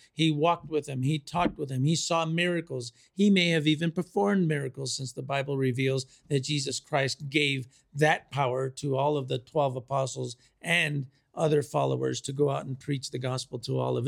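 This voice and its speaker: Gravelly-voiced male preacher, slow and deliberate. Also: a little high, steady tone. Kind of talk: sermon.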